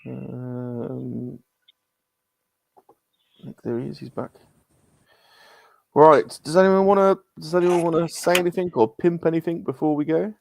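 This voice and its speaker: A man's voice: on the high side, a little slow, gravelly, long pauses, darkish tone. A British man hosting a casual live-stream chat, chatty and laughing often. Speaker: host.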